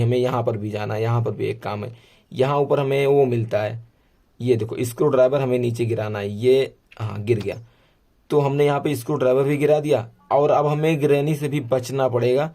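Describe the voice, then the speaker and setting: A man giving casual, chatty commentary over a horror game he is playing, calling the viewer brother and getting excited at game moments. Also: medium pitch. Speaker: gameplay commentator. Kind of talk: casual let's-play commentary.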